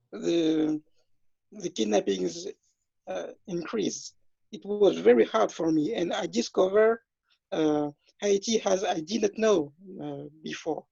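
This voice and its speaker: Man, twenties, from France, hesitant speech, fillers, husky, lo-fi dull audio. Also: high voice, warm tone, dry recording. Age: 20s. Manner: hesitant, many fillers and restarts. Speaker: interview guest. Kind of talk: self-introduction in an interview. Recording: dull, lo-fi dry sound.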